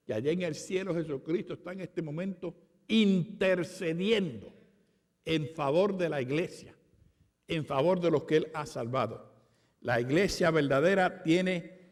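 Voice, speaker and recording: A Puerto Rican man preaching a sermon at a conference, with emphatic, repeated declarations. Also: high-pitched. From Puerto Rico. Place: conference hall. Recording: long hall reverb.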